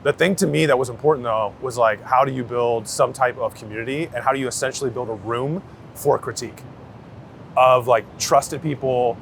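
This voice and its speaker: Out on a city street with traffic around him, a street photographer gives a casual interview, swearing and using slang. His mid-range voice is gravelly and fairly quick.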